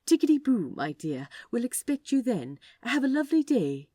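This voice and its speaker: Woman voicing Aziraphale, a gently fussy mellow receptionist man. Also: a little high, sing-song, normal speed, slightly rough, no echo, voice pushed up. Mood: courteous, businesslike. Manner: genteel, old-fashioned, prim phone courtesy. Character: polite, fussy, warmly flirtatious male office receptionist.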